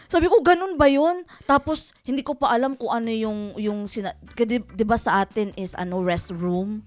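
A woman from the Philippines, a radio co-host, telling stories in lively casual chat and laughing often. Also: a little high, normal speed. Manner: animated storytelling, laughing often.

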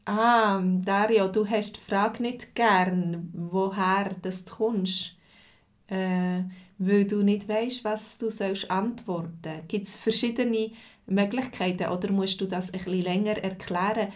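A Swiss woman in her forties speaks with a Swiss German accent as she runs a live-streamed language lesson. She talks slowly and deliberately at a mid-range pitch. She pauses to answer viewers' comments by name with unhurried patience. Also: fairly even intonation. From Switzerland. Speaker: language teacher.

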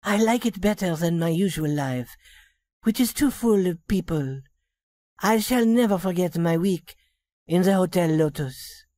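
A woman voicing a young working woman who poses as a rich lady in a storybook reading, speaking softly and politely. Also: on the low side, animated, a little slow, no echo, clean studio sound. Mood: refined. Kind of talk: storybook reading for English learners.

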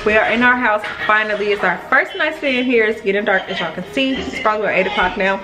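Speaking fast in a mid-range voice, a young woman vlogger chats casually and directly to viewers while touring the rooms of a house being renovated. The nearby-camera recording is rough, with clear background noise and clicks.

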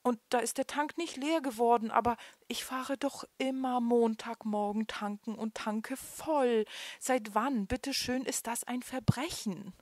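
A woman's voice: fairly low pitch, expressive, unhurried, no echo. A woman voicing a confused, flustered man at a gas pump who stammers defensively in a trembling voice. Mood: panicky, pleading.

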